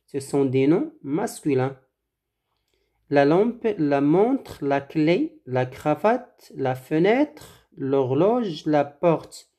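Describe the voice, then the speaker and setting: Language teacher for a recorded lesson: unhurried, measured, warm and low in tone, repeats each item. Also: sing-song. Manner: slow, deliberate, repeats words for learners. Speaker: French teacher. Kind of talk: slow drill-style French lesson.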